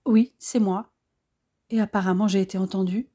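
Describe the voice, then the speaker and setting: A woman voicing a loving young French woman, gentle and affectionate. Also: mid-range voice, steady tone, moderate pace, slightly rough, close to an everyday voice.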